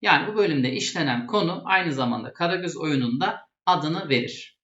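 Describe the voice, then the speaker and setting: High-voiced man giving an explanatory lesson. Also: lively intonation, moderate pace, bright, forceful tone. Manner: didactic, restating terms plainly. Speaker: presenter explaining traditional theatre. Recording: echoey, dull lo-fi sound.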